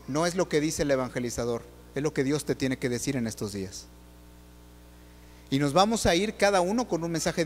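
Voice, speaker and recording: A man preaching a sermon, firing rhetorical questions straight at the congregation. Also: fairly high pitch. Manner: questions the audience directly, rhetorical and animated. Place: church. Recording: long hall reverb.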